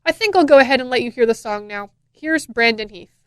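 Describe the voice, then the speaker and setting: A young American woman from Florida works as a radio DJ, sounding upbeat, casual, chatty and enthusiastic. Her fairly high, smooth voice is expressive and a little fast. She is close on a studio microphone with no echo.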